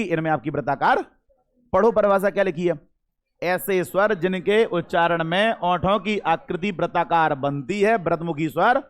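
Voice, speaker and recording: A man teaching a grammar lesson to a class. He sounds out vowels himself, repeats the key terms and keeps asking questions to check they follow. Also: high voice. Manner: calls students "beta", demonstrates sounds aloud.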